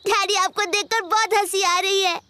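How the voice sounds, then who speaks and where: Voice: very high voice, fairly even intonation, moderate pace, slight background noise. An actor voicing a cheeky, cheerful little girl pig in a preschool cartoon dub, eager and giggly. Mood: amused, teasing. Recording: loud music and effects behind.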